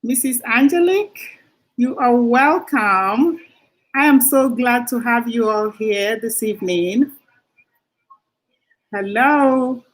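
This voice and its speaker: A woman hosting a live stream, warmly greeting viewers one by one by name. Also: a little high, slow pace. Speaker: livestream host. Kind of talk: casual livestream greeting.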